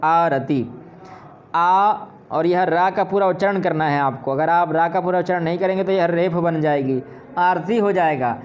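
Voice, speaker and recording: A man teaching pronunciation who repeats words slowly and patiently, often asking questions and answering them himself. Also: a little high, highs cut off, a little hiss or hum. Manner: asks and answers his own questions. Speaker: Sanskrit teacher. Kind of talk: pronunciation lesson.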